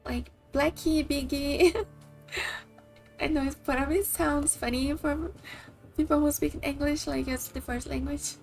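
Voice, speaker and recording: With a high voice, steady tone, vocal fry and a measured pace, a woman from Brazil talks casually on a game stream. Portuguese is her first language and her accent is Brazilian, her chatter wanders with many "like"s and "kinda"s, and game music hums faintly.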